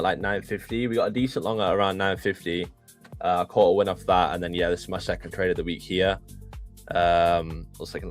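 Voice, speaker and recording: Young UK man, very deep voice, relaxed stream co-host, soft music underneath. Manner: laid-back, chatty, greets chat. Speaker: live trading stream co-host. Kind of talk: casual live-stream chat. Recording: faint music behind.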